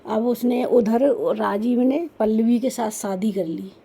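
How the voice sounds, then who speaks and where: A woman's voice: on the high side, a little slow, vocal fry, warm tone, husky. A woman retelling a folk story in a loose, informal way, with frequent restarts.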